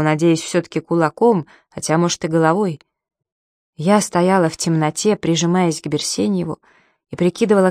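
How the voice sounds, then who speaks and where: A woman narrating an audiobook in a measured, storytelling way. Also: fairly low pitch, a little mellow, no echo, studio quality.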